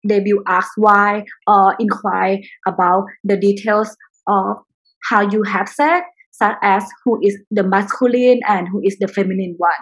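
A woman, a podcast guest answering questions in a halting way with frequent pauses. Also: medium pitch, slightly rough, rough recording. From Thailand. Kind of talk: casual interview answers.

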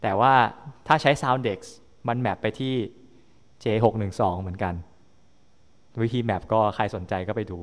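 A man's voice: fairly low pitch, measured pace. Man lecturing in a reverberant hall. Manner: explanatory, often checking understanding with tag questions. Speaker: university lecturer. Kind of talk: classroom lecture.

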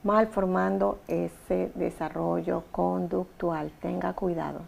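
A woman's voice: on the low side, level tone, slow, gravelly, a little mellow. A woman hosting an advice talk show, giving emphatic, direct instructions to mothers. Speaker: talk show host and therapist.

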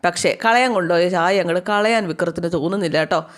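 A woman casually retelling a TV serial episode, chatty and lively as she acts out the characters' lines. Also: fairly low pitch, quick pace. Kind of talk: casual storytelling recap with acted quotes.

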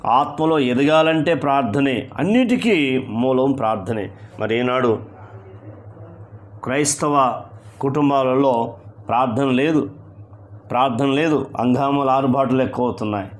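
A male pastor delivering a sermon at an ordinary middle pitch. He reads scripture slowly and with weight, then drives his point home through repeated refrains. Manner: preaching with slow, emphatic scripture readings and repeated refrains.

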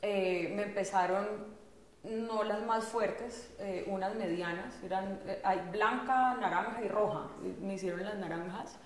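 A woman, a talk-show guest earnestly telling a personal story, animated and full of restarts and acted-out quotes. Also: mid-range voice, unhurried, slight background noise. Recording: roomy studio with music underneath.

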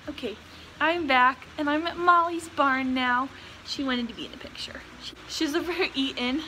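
A young woman chatting casually to her viewers as she films herself on a phone, laughing often. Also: sits high. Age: young adult. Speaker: vlogger. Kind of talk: casual vlog. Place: horse barn, partly outdoors in rain. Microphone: phone camera held at arm's length. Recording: phone audio with barn noise.

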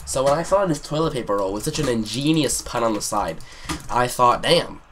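A man's voice: medium pitch, fairly quick, a little hiss or hum. Rambling teen boy gamer telling a story. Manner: rambling, sarcastic, bursts into excited yelps. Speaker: gaming commentator. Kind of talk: storytime commentary over gameplay. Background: keyboard clicks and typing.

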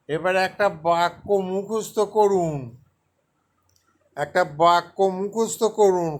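Slow, drilling male language teacher. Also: high voice. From West Bengal. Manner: repeats each word slowly and deliberately for learners. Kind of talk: slow spoken language lesson.

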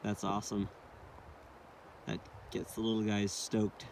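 On a forested mountain, a man narrates his family's camping trip for a vlog shot on a handheld camera, speaking casually and often exclaiming in amazement. His voice is lowish, monotone, and a little slow, with background noise.

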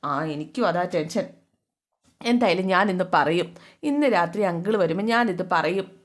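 A woman's voice: on the low side, expressive, moderate pace, lightly acted. A woman voicing an earnest, polite young woman in a retold family serial. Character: earnest young woman starting a tuition class.

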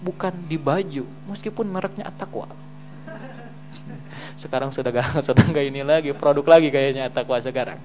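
A man teaching an Islamic study class in a lively, joking manner, swinging between loud emphasis and quiet asides and often asking if listeners understand. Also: mid-range voice, a little fast, faint music behind. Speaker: religious teacher. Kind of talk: casual Islamic study lecture. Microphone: streamed live.

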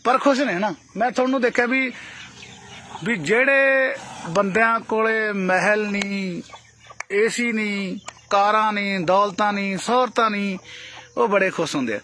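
A man's voice: high-pitched, a little slow, pushed and bright. A man vlogging outdoors in a field, chatting and joking with the people he meets. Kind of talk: casual chat.

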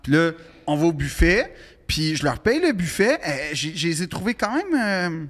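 A man's voice: a little high, big pitch swings, moderate pace, a bit bright, in a large hall. A man with a Quebec French accent, a podcast guest telling a long anecdote in a rambling way with many restarts. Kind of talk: casual storytelling.

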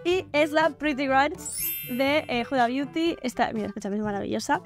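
Girl doing a makeup review, high voice, super gushy and chatty, soft music under it. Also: moderate pace. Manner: chatty and gushing, with playful slang. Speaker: beauty vlogger. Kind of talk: casual product review vlog.

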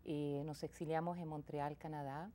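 A Chilean singer-songwriter speaks reflectively and softly as a guest in a casual interview in a small TV studio, often restarting her sentences. Her deep voice has little pitch movement and normal speed, picked up by a lapel mic.

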